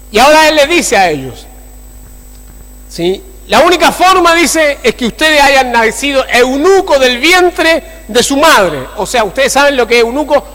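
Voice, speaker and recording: Male pastor, very high and sharp voice, lively sermon delivery that keeps checking in with the room, long hall reverb. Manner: animated, constantly asking the congregation for agreement. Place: church.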